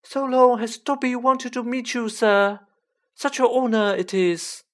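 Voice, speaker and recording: A woman voicing a small male house elf, high-pitched and squeaky, servile and overwrought, in an audiobook. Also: fairly even intonation, a little slow, lightly acted. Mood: awed, eager. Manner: deferential, overwrought, speaks of himself in third person.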